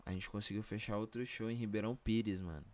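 A man's voice: on the low side, steady tone, quick pace, a little hiss or hum. A young man with a Brazilian Portuguese accent telling anecdotes in casual, slangy chat full of verbal tags. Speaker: rapper, podcast guest.

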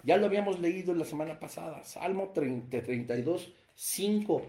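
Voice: medium pitch, lively intonation, normal speed, warm tone, roomy sound. A preacher giving an emphatic Bible lesson, firing off rhetorical questions and reading verses aloud. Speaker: Bible teacher.

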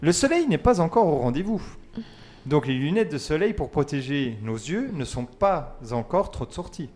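A man's voice: fairly high pitch, sing-song, normal speed, darkish tone, faint music behind. A man hosting a casual radio quiz, reading multiple-choice questions, counting down and joking with his co-hosts. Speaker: quiz host.

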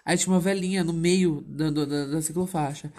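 A man's voice: fairly high pitch, brisk. A man with a Brazilian Portuguese accent co-hosting a casual chat, telling stories with lots of exclamations. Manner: animated storytelling with frequent exclamations. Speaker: podcast co-host. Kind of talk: casual chat among couples.

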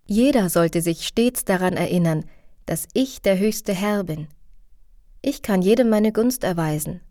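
A gentle, all-powerful god speaks with calm authority, instructing a humbled king, as a woman reads him aloud. The tone is low and mellow, with a dry, close sound, as in a spoken storybook. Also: dry recording, natural voice. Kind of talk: audiobook reading.

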